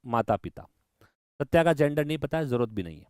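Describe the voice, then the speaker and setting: Enthusiastic male reasoning teacher, crisp voice. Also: mid-range voice, expressive, brisk, a little mellow, no echo, studio quality. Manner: enthusiastic, talks to students directly, mixes in English terms. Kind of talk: online exam-prep lecture.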